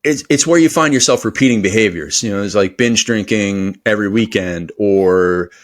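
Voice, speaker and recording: A man who is a performance coach, talking as a podcast guest in an energetic, rambling motivational style with many fillers. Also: fairly low pitch, moderate pace. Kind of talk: podcast interview conversation.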